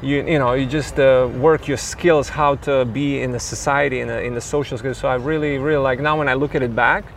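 A man's voice: medium pitch, steady tone, a little fast, gravelly, hardly any pauses, slight background noise. A man from Croatia with a Croatian accent, a tennis coach talking in a casual interview in a thoughtful, rambling way with many fillers.

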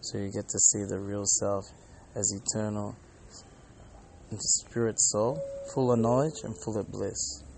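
A man with a fairly low, creaky voice talks casually, as if recording a personal podcast. He is earnest and rambling, with faint ambient noise behind him. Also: steady tone, measured pace. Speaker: podcast host and Hare Krishna devotee. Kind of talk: casual spoken storytelling and reflection. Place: airport departure gate area. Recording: faint airport background noise.

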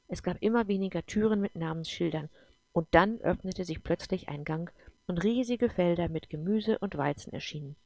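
Brief: female audiobook narrator, gravelly texture, dry close recording. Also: fairly low pitch, no room sound. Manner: even, storytelling delivery. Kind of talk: scripted narration.

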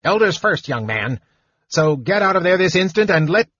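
A man voicing a fussy, excitable male gnome official who chatters fast, explaining everything eagerly. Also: on the high side, slightly rough, dry recording, muffled recording, voice pushed up, heavily acted. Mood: scolding.

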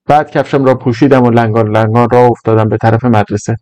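A man narrating a short story in an even, measured reading voice. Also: medium pitch, no room sound. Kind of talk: scripted narration.

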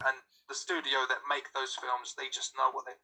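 Bright-voiced young British man. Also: medium pitch, completely flat delivery, poor audio. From United Kingdom. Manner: chatty, enthusiastic, quick to agree. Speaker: podcast guest. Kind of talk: casual chat.

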